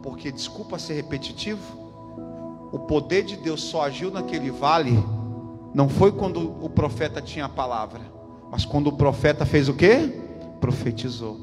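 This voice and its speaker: High-voiced Brazilian pastor preaching fervently. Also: male voice, lively intonation, normal speed. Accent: Brazilian Portuguese. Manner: emphatic, repeats lines, calls out to the congregation. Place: church service. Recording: reverberant church hall with music behind. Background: music and congregation.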